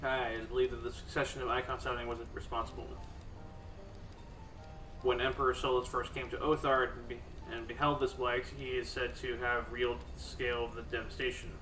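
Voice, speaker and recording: A man's voice: medium pitch, level tone, a little fast, lightly acted. A man voicing a formal, grave imperial military officer in a fantasy game, with stiff old-fashioned diction. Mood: formal, measured. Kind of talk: reading fantasy game dialogue aloud in character. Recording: roomy, distant mic over game music.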